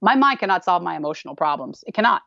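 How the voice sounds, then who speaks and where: A woman dance teacher talking in a podcast interview, animated and playful, acting out little voices and laughing often. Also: fairly low pitch, quick pace, creaky, dry recording. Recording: dull lo-fi sound.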